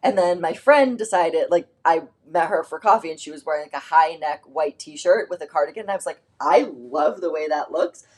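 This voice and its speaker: A woman's voice: sits low, a little fast, few pauses, darkish tone. A woman hosting a casual live shopping stream, chatty and rambling with lots of fillers as she shows clothes.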